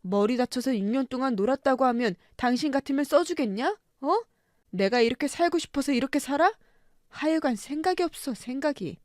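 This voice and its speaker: A drunk, bullying middle-aged husband snaps and shouts with bitter scorn in a story radio drama, as a woman puts him on. The sound is dry and close. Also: high voice, animated, brisk, dry recording. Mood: drunken rage.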